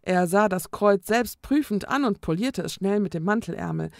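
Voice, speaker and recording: A woman reading a children's book aloud in a calm, measured storytelling manner. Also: medium pitch, dry recording, clean studio sound. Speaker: storybook reader.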